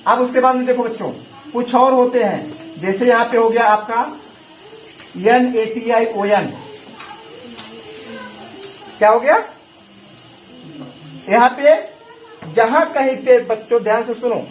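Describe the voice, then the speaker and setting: A man's voice: very high-pitched, measured pace, pauses often. A man teaching a class, quizzing his students with the same question over and over. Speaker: English teacher. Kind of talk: classroom lesson with call-and-response. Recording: echoey room with faint noise.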